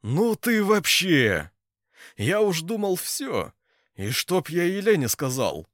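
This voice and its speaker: A man voicing an excitable young man who gushes with joy in an audiobook. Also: takes it slowly, dry recording, studio quality, exaggerated voice. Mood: overjoyed. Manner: shrill, gushing. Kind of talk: audiobook character voice.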